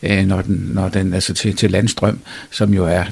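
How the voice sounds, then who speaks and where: A man's voice: low voice, little pitch movement, creaky, breathy edge. A male historian, answering interview questions hesitantly, with many fillers and restarts. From Denmark. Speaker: historian guest.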